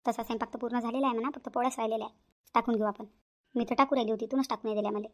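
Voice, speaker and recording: A woman voicing a calm, bossy elder sister-in-law, speaking in a soothing but firm way. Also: fairly high pitch, racing, voice pushed down, close to an everyday voice.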